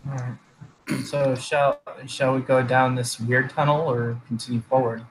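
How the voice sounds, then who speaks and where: A man's voice: mid-range voice, flat delivery. A man playing a tabletop game online, speaking casually and mocking his own bad rolls. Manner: unhurried, self-mocking. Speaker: player. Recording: clear background noise.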